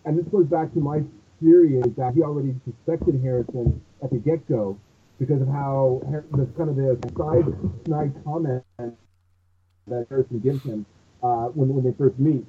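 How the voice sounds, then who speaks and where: A man's voice: medium pitch, moderate pace, husky. A man co-hosting a podcast, rambling casually through a story discussion, his voice muffled and hollow as if he were in a tunnel. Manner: rambling, restarts often. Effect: muffled hollow sound, as if in a tunnel. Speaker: podcast co-host. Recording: muffled phone-like bad mic.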